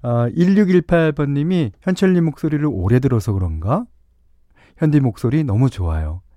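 A man's voice: medium pitch, animated, normal speed, dark tone, no echo. A middle-aged man hosting a radio music show, reading listener messages in a chatty, playful way.

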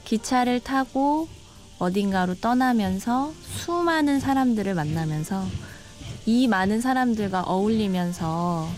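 A woman's voice: medium pitch, expressive, a little slow, a little mellow, faint music behind. A woman in her thirties, a tourist train attendant, answering an interview in an earnest, reflective way.

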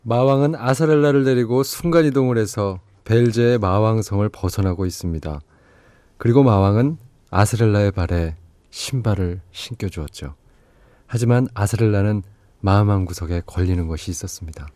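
Dry, lowish male narrator. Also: moderate pace, dark tone, dry recording. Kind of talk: scripted storytelling narration.

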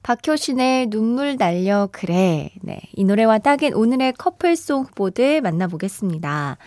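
A woman in her thirties hosting a radio show, reading listener messages with bright, playful reactions and frequent laughter. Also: mid-range voice, no echo. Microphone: studio microphone. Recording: dry studio sound with faint music bed.

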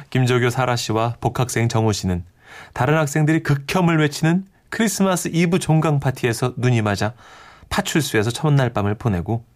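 A man narrating a story in a gentle storytelling manner. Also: mid-range voice. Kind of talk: scripted narration. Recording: soft guitar music behind.

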